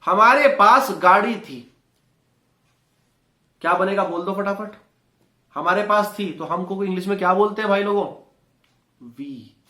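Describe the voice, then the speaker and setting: A man teaching an English lesson in Hindi, quizzing viewers with quick rhetorical questions. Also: sits high, pushed and bright. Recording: roomy echo.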